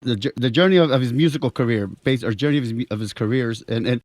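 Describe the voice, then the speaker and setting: A man's voice: medium pitch, fast, darkish tone, no echo. A man hosting a casual radio interview, chatting loosely and stumbling over his words. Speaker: radio host.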